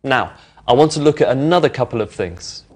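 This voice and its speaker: A middle-aged man presenting a lesson in a studio, explaining patiently and clearly. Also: medium pitch, animated, brisk. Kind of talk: friendly teaching explanation. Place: indoor studio with brick walls.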